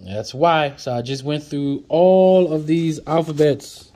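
A man teaches words from flashcards in a laid-back lesson, repeating each one and joking with viewers from a table indoors, off camera. He has a fairly high, warm voice and takes things slowly.

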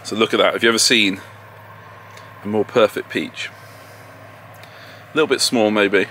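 A man's voice: fairly low pitch, fairly even intonation, unhurried, sharp tone, slight background noise. A man with an English accent giving a casual, chatty walking tour of his homestead outdoors, often poking fun at himself. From England. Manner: chatty and self-deprecating. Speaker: homesteader vlogger. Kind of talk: casual walk-and-talk tour. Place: outdoors in a garden and orchard. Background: distant tractors and farm vehicles.

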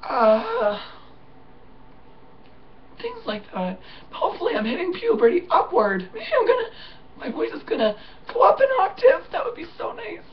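A woman vlogging to camera with a hoarse, rough voice, sounding tired and halting, with many fillers and soft laughs. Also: very high voice, big pitch swings, slight background noise. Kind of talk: casual chat to camera. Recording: muffled, slightly distant home recording.

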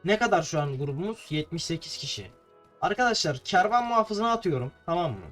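A young man from Turkey talks his viewers through a battle in a playful, chatty way. His voice sits a little high and he trips over his words now and then. Faint game music plays under him. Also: expressive, fairly quick, a bit bright. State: slightly tongue-tied. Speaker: gameplay streamer. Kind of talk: casual gameplay commentary.

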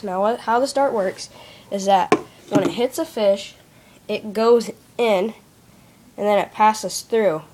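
A woman's voice: medium pitch, darkish tone. Woman explaining a craft step by step. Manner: plain, step-by-step instructive talk. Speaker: craft demonstrator. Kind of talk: casual how-to explanation. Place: small room at a wooden desk, indoors.

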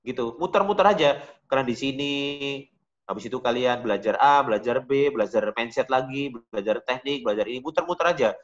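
A man's voice: mid-range voice, animated, fairly quick. Casual male art teacher, dull audio. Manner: casual, direct, repeats points to students. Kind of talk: online digital painting class.

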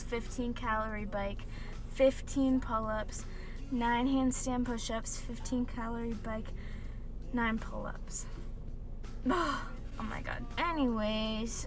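A woman's voice: a little high, low-quality recording. A young woman chatting casually as a fitness vlogger, upbeat and full of filler words, filmed on a phone at arm's length. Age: young adult. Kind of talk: casual vlog chat. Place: parked car and home kitchen. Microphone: phone camera at arm's length.

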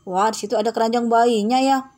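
A woman's voice: on the high side, steady tone, fairly quick, a little mellow, lightly acted. A woman voicing a cheerful big sister in a game role-play who exclaims in wonder and calls out names.

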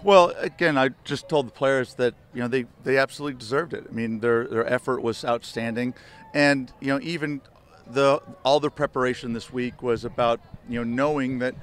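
Older male coach, even monotone delivery, rambling postgame answers into handheld mics outdoors. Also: mid-range voice, normal speed. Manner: rambling, many restarts and "you know" fillers. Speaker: head soccer coach. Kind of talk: postgame media interview. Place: outdoor stadium field at night. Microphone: handheld reporter mics held close.

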